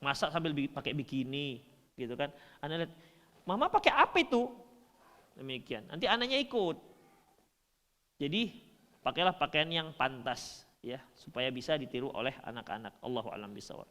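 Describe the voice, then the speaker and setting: A man from North Sumatra, Indonesia, preaching a humorous sermon, shifting between loud and soft. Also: medium pitch, lively intonation, a little fast, long reverb tail. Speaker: Islamic preacher.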